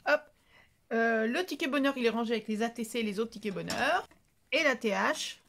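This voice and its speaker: A French woman with a fairly high voice talks casually to camera as she opens craft mail. She rambles and restarts her sentences, filling gaps with little hesitations. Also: lively intonation, fairly quick, a bit bright, a little hiss or hum. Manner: chatty and rambling, many fillers and restarts. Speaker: craft vlogger opening mail.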